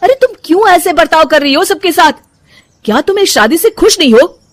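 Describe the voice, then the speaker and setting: Woman as an earnest, animated young husband. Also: extremely high pitch, brisk, no echo, voice pushed up. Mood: upset, urgent. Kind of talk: cartoon story character voice.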